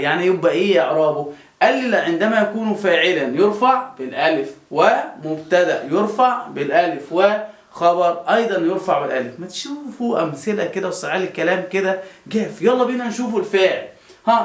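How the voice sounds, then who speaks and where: Animated Egyptian teacher drilling children. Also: male voice, high voice, echoey room. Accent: Egyptian Arabic. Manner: lively, quizzing pupils and answering them himself. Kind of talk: children's grammar lesson.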